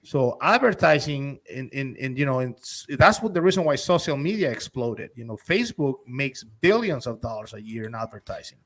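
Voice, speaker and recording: A man's voice: medium pitch, sing-song, moderate pace, hardly any pauses. A man from Honduras, an investor and company executive, talking eagerly and persuasively in a casual interview, often restarting his sentences.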